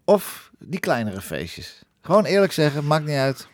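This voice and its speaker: A man hosting a casual radio chat in a halting, repetitive way, often ending on tag questions to seek agreement. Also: a little high, sing-song, dry recording, studio quality. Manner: chatty, halting, repeats himself, seeks agreement with tag questions. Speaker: radio host. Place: dry radio studio.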